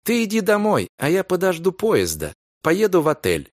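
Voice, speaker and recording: Frightened young wife, read by a man in a raised, pleading pitch. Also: wildly swooping pitch, normal speed, no room sound, studio quality, exaggerated voice. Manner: pleading, breathless, fretful.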